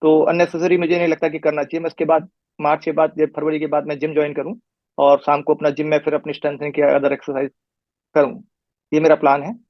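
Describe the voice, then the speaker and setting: A middle-aged man in a patient's chair who talks quickly in a rather high voice and rambles through detail, restarting often. The recording is dull and lo-fi, with a dry, close sound. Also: completely flat delivery, no room sound. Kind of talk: casual conversation. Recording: muffled lo-fi recording.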